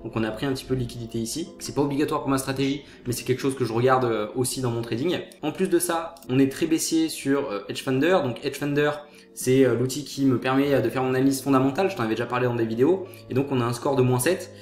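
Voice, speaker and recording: A man's voice: medium pitch, fast talker, roomy sound, soft background music. A young man host walking through a live trade on screen, talking casually to the viewer with many hesitations. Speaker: trading channel host. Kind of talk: live trading walkthrough.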